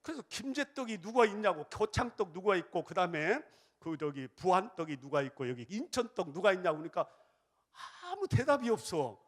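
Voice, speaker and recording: A man preaching a revival sermon as pastor, with a Jeolla accent, shouting chants for the congregation to repeat and then dropping into chatty storytelling. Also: high-pitched, sing-song, fairly quick. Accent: Jeolla Korean. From Jeolla, South Korea. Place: church sanctuary.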